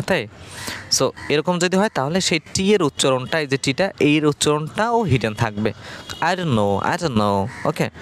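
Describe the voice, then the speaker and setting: A man's voice: mid-range voice, slight background noise. Man teaching, patient and repetitive. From Bangladesh. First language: Bengali. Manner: explains slowly, repeats phrases with frequent "okay?" checks. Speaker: spoken English teacher. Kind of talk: casual classroom explanation.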